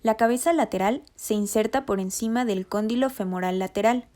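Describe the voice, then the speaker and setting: A woman giving a scripted, methodical narration for a rehabilitation lesson, reading anatomy terms in an even voice-over. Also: fairly high pitch, a little fast. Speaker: rehabilitation instructor.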